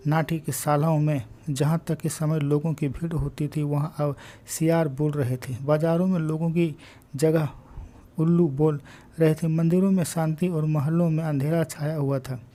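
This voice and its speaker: A man narrates a story in a fairly high but flat, monotone voice. His tone is dark and mellow, and his reading stumbles now and then with slips and restarts. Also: moderate pace. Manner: reads with frequent slips and restarts.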